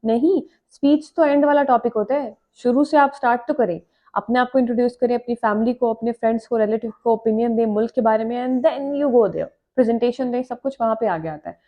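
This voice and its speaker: A woman's voice: fairly high pitch, fairly quick, dull audio. A woman English teacher answering viewer questions in a casual vlog lesson, explaining step by step with simple examples.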